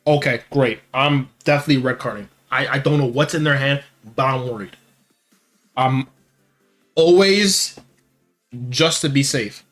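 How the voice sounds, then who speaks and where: A young man giving live commentary on his card game, muttering one moment and yelling taunts the next, repeating his hype lines. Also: mid-range voice. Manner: hype, repeats taunting phrases, swings from quiet muttering to shouting. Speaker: gaming channel host. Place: home gaming setup with monitor.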